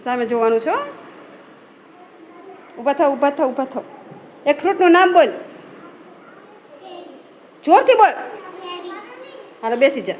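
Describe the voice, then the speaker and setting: A woman teacher giving brisk, repeated commands and quick praise while she leads young children in a guessing game in a room full of kids. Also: sits high, sing-song, a little mellow, slight background noise.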